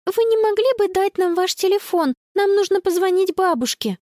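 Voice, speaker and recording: A woman voicing an anxious, excitable young girl with a high, breathless voice, reading a storybook. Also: moderate pace, no echo, clean studio sound. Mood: shy polite.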